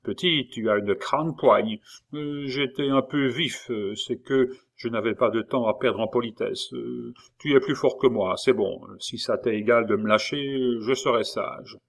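A man's voice: mid-range voice, unhurried, vocal fry. A man reading aloud and voicing a sly, jovial male tavern-keeper and convict who talks in a familiar, mocking way.

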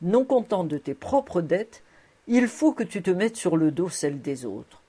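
A woman's voice: fairly low pitch, very animated, unhurried, dark tone, breathy edge, full character voice. A woman playing a jovial, teasing man. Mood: stern. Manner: teasing, half mocking. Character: male landowner, jovial, teasing, fond of food.

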